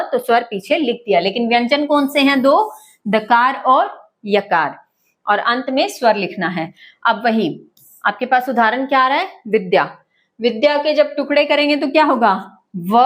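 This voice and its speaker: Woman teacher, high voice, patient and methodical, asks then answers her own questions. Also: fairly bright tone. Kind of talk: classroom-style lesson explaining letters step by step.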